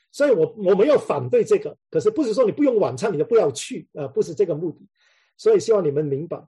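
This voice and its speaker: A man's voice: high-pitched, mellow, husky. A man preaching in a conversational way, telling anecdotes and often repeating words as he restarts his sentences.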